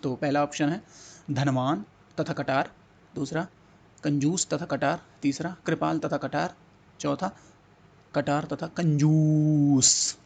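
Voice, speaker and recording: A man's voice: on the high side, steady tone, takes it slowly, vocal fry, pauses often, a little mellow. A man teaching a Hindi exam-prep lesson, repeating words and coaxing students to think and answer. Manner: repetitive, coaxing questions to students.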